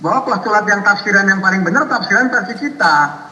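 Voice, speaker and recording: High-voiced man on a played-back phone call. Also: brisk. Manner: insistent, repeats words, many hums of assent. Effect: recorded phone call played over courtroom loudspeakers. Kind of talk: casual phone conversation. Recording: echoey hall audio played from far off.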